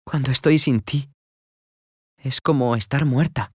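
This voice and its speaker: A man's voice: measured pace, slightly rough, no room sound, studio quality. A man voicing a desperate young fisherwoman. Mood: pleading. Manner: raised falsetto, anguished cries.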